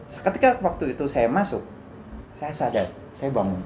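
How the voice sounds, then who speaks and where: A man giving a personal testimony in conversation, telling it earnestly and acting out his own shouts. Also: mid-range voice, big pitch swings, normal speed. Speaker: guest sharing a testimony. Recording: echoey room with background noise.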